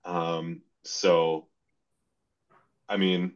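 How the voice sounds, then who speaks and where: Very low man second-guessing himself. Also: level tone, extremely slow. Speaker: podcast panelist. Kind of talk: casual fantasy sports chat. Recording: dull lo-fi sound.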